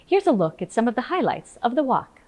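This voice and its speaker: Lively woman reading local news. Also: fairly high pitch, a little fast. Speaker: news host. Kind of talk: scripted news narration.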